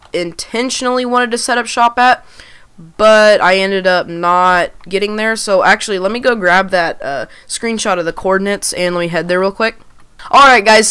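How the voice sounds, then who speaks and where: A young woman casually talking through her gameplay, relaxed and rambling with plenty of ums. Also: medium pitch, smooth. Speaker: gaming channel host. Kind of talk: casual let's-play commentary.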